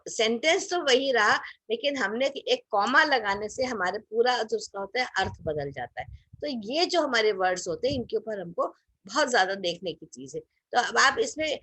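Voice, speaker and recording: A woman's voice: a little high, animated, moderate pace, bright, forceful tone, breathy edge, no echo. A woman leading an online group class over a video call, explaining with everyday examples and putting questions to her group. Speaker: teacher leading a group session. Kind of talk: interactive online class talk.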